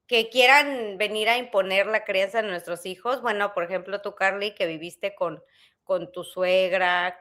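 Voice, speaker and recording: A woman's voice: medium pitch, a bit bright. A woman co-hosting a podcast, chatting casually and animatedly, laughing often and acting out voices as she tells stories. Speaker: podcast co-host. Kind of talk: casual storytelling chat.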